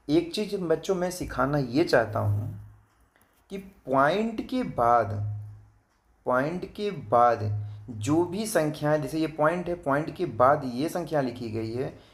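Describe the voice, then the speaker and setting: A man teaching children a math lesson, patient, repeating his points, asking if they follow, and reading digits out one by one. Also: on the high side. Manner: reads digits slowly one by one.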